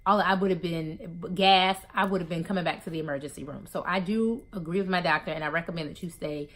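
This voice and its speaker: Lively woman giving recovery advice. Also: fairly low pitch, fast. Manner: animated, addresses listeners as "y'all". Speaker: vlogger sharing surgery recovery tips. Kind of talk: casual advice talk to camera.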